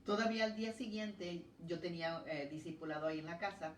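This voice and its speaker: A woman's voice: fairly low pitch, quick pace, slight background noise. A woman preaching a sermon in a church, telling her own testimony in an earnest, emotional way. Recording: echoey church hall from a distance.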